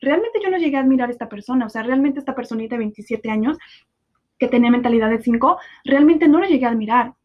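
Mexican girl in her 20s ranting on her podcast, high voice, swears a lot, sarcastic, kinda muffled lo-fi audio. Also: expressive, fast talker. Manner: blunt, sarcastic, swears freely. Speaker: podcast host. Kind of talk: casual confessional monologue. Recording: dull lo-fi recording.

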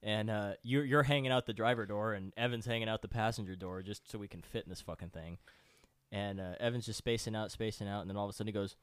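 A man co-hosting a podcast who tells stories animatedly and swears often, acting out the other characters' lines loudly. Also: on the low side, fast, smooth, no room sound, clean studio sound. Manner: animated, profane storyteller who acts out other people's lines with loud outbursts. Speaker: podcast co-host. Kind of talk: casual chat, swapping road-trip stories.

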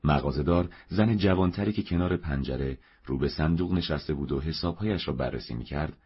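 A man reading a novel aloud as narrator, in a steady, measured way. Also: very deep voice, husky. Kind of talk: audiobook narration. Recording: dull lo-fi recording.

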